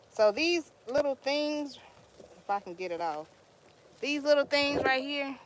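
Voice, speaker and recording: Streaming live from her garden outdoors, this young woman from Texas greets viewers and spins stories in casual Southern slang with a Texan accent. Her voice is medium in pitch, bright and forceful, with slight noise in the background.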